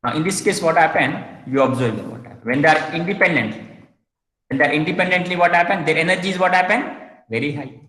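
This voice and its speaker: A man's voice: on the high side, fast, fairly bright tone. A male chemistry teacher, lecturing and asking himself question after question. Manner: repetitive rhetorical questions, self-answering. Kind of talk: classroom lecture. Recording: echoey hall.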